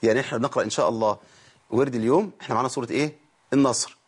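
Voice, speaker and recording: Speaking very fast in a slightly rough, medium-pitched voice, a tired man with an Egyptian Arabic accent leads a broadcast lesson on Quran recitation. He breaks the tajweed rules down step by step, demonstrates sounds, and asks his viewers questions.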